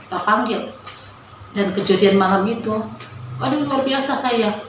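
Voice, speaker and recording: Woman, personal testimony, earnest emotional telling, mid pitch, echo-heavy room recording. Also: a little slow. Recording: very echoey room with background noise.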